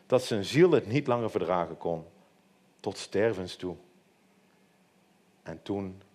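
A preacher giving an informal youth sermon, retelling a Bible story with humorous asides. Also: male voice, medium pitch, a little mellow.

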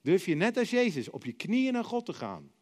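A middle-aged man preaching a sermon. He tells stories dramatically, acts out other voices, and lets many phrases sink to a soft, quiet finish. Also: sits high, big pitch swings, normal speed. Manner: dramatic storytelling, acting out voices and dropping to soft, quiet endings.

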